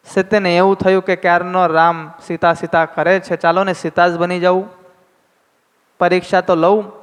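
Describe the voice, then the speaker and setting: A man's voice: high-pitched, smooth. A man with a Gujarati accent, a swami telling a scripture story in a sermon, chanting verses and acting out the characters' lines. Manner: dramatic, voices the characters in dialogue. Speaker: swami giving scripture discourse. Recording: long hall reverb.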